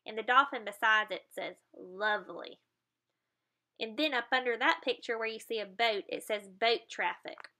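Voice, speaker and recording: Woman reading a kids picture book out loud, explains the pictures, bright kinda high voice. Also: moderate pace. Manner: explains the pictures, adds playful sound effects. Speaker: reader of a children's picture book.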